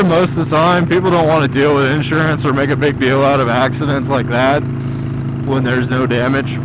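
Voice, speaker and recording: A man giving casual, off-the-cuff riding commentary from inside a helmet, grumbling and swearing with dry humor. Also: a little high. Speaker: motovlogger. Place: outdoors riding a motorcycle through city streets. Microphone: mic inside a helmet. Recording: clear engine and road noise. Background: motorcycle and traffic noise.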